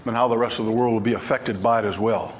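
A man's voice: fairly low pitch, steady tone, fast talker, slight background noise. Emphatic man preaching a sermon. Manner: emphatic, repeats key words. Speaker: pastor. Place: church sanctuary.

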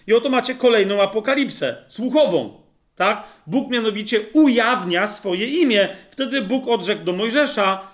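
High-voiced man teaching a Bible study. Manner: addresses listeners directly, asks checking questions; reads scripture aloud, slows down for emphasis.

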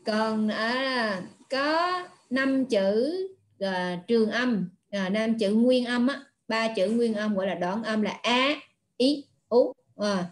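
A woman teaches as a Buddhist nun. She explains each sound patiently, pausing often and filling the gaps with soft hesitation sounds. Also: a little high. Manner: patient, slow explaining with frequent filler sounds. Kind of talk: online pronunciation lesson.

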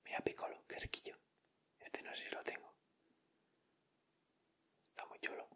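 In this whispered ASMR video, the host, a man with an accent from Spain, softly murmurs short comments without hurry. He keeps close to the microphone and chats casually as he opens sticker packs.

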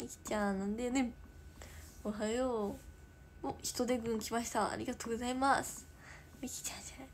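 A teenage girl streaming live in her room, chatting casually, reading viewer comments aloud and drifting into soft whispers. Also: a little high, gravelly, slight background noise. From Japan. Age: teens. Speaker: idol livestreamer.

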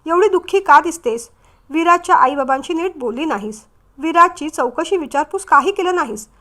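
A woman's voice: high voice, expressive, normal speed. A woman voicing a stern, protective elder brother who speaks sharply. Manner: sharp, scolding.

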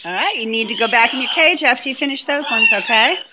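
Woman baby-talking her pet bird, super high and swoopy, loud noisy background w chirps. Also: expressive, fast. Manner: cooing, sing-song, doting. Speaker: pet owner.

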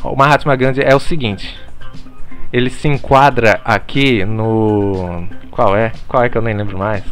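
A man playing a mock teacher in a parody online lecture, deadpan and mock-serious, swearing casually while talking over slides. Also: on the low side, measured pace, soft background music.

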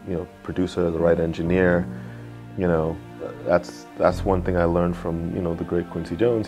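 A young man from Nigeria, a music producer, talking casually in an interview in a music studio, often saying "you know". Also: low-pitched. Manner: relaxed, fills pauses with "you know".

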